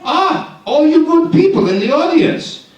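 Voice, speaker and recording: In live shadow puppet theatre, a man voices a chatty, ingratiating know-it-all character, eagerly coaxing the audience into call-and-response. His delivery is high-pitched, sing-song, slow, a bit bright, and heavily acted. The audio is dull, captured by a distant mic in an echoey hall.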